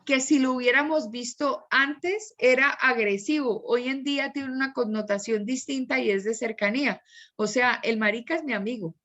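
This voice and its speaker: A woman teaches an online class and explains at length with examples. Her voice is bright and forward. The audio is dull and lo-fi. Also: sits high, moderate pace.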